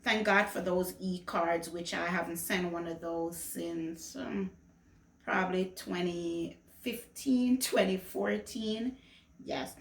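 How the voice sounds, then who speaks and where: A lifestyle vlogger with a lowish, steady voice takes her time as she chats casually and ramblingly to her viewers in an echoey room. She grew up in Jamaica until age fourteen and then moved to the US.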